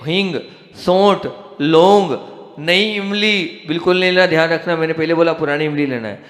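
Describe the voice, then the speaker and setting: A man's voice: fairly high pitch, fairly bright tone. A man giving a devotional talk on seasonal diet, rattling off foods and stressing warnings to his listeners. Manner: rapid list-giving, emphatic warnings. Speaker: spiritual lecturer. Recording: echoey hall recording.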